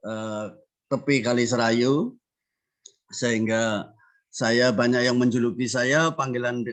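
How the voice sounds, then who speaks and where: An older man from Java, speaking earnestly as a panelist at a discussion forum and building his points through emphatic repetition. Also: mid-range voice. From Central Java, Indonesia. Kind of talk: spoken remarks at a discussion forum.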